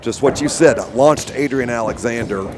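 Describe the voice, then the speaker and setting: A man with a hoarse, sore throat calling a live wrestling match and hyping up the people around him. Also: medium pitch, normal speed, over music. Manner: hype, announcer-style introductions. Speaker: wrestling commentator. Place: commentary desk at an indoor wrestling show in an education center. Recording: heavy background noise at a live show.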